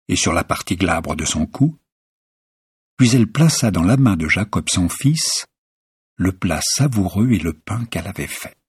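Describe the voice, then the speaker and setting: A man reading a scripture passage as scripted narration, in a measured, even manner. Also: fairly low pitch, breathy edge, dry recording, clean studio sound. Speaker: scripture reader.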